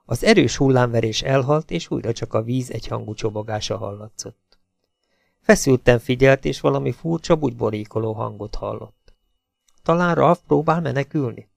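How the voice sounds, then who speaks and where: A man reads a suspense novel aloud at a steady, measured pace. His voice has a gravelly fry at mid pitch. The recording is dry and close, with no room echo. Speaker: audiobook narrator. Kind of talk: scripted narration.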